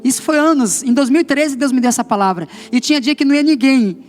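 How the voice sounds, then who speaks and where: Fast-talking high-voiced Brazilian pastor. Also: male voice, soft background music. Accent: Brazilian Portuguese. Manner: lively storytelling, acting out dialogue. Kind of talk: testimony sermon.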